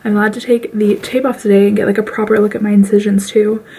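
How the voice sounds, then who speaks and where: Chatty young woman with gravelly fry. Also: mid-range voice, little pitch movement, fast talker, warm tone, a little hiss or hum. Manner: chatty, frequent "like" fillers, laughs often. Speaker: vlogger. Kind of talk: casual vlog chat. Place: at home in her bedroom.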